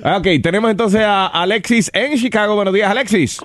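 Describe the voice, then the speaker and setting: A man's voice: high-pitched, a little fast, a little hiss or hum. A man hosting a comedy call-in radio show, teasing the callers and dropping English phrases. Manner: teasing, animated, mixing English.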